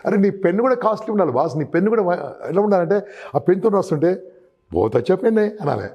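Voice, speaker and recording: A man's voice: high voice, lively intonation, quick pace, breathy edge, lo-fi sound. A man giving emphatic sales advice in an interview, often calling the listener boss and acting out customer exchanges. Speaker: sales trainer guest.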